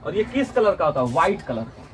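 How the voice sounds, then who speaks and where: A man's voice: on the high side, big pitch swings, a little fast, distant mic. Man teaching a class. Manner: asks students questions and has them answer back. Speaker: tuition teacher. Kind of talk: classroom lecture with questions to students. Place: small classroom with students. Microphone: phone recording the class.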